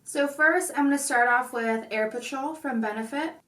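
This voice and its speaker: A woman's voice: sits high, moderate pace, pushed and bright. A woman hosting a casual makeup tutorial, speaking with slightly odd, constrained articulation. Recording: echoey room, distant mic.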